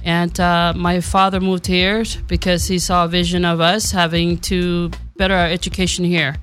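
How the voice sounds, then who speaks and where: A woman, grown up in Samoa, telling her story as a guest on a radio talk show in a soft, measured way. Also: fairly low pitch, little pitch movement, soft background music. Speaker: guest entrepreneur.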